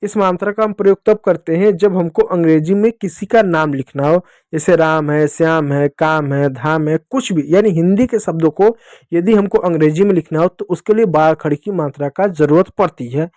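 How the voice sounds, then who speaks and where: High-voiced man teaching kids phonics. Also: normal speed, a little mellow, no echo, clean studio sound. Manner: addresses children directly, asks questions and answers them. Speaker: English teacher for children. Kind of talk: classroom lesson explaining phonics.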